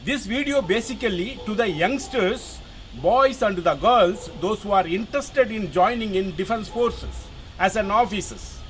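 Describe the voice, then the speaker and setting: Speaking a little slowly in a high voice, an older man offers informal guidance to camera in the manner of a retired officer, emphatic and prone to repeating his words. A native Tamil speaker from Tamil Nadu, India, he has a Tamil Indian English accent. The low-quality recording comes from a mobile phone camera and carries background noise.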